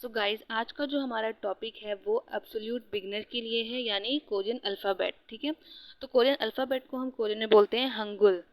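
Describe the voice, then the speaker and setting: A woman's voice: a little high, fairly even intonation, brisk, no room sound. A young woman teaching a beginner language lesson, patiently repeating sounds and checking in often with "okay". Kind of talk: beginner lesson, Hindi mixed with English.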